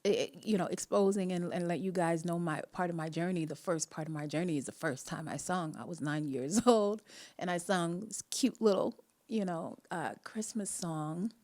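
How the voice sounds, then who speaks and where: Her voice is lowish and darkish in tone, moving at normal speed, with a Jamaican accent. Hosting a live online talk, this woman shares a personal story chattily and earnestly as motivational chat, laughing often between phrases.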